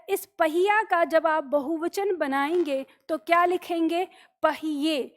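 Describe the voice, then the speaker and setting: A woman teaching a grammar lesson, patiently explaining rules, repeating example words and checking in with her students. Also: high voice.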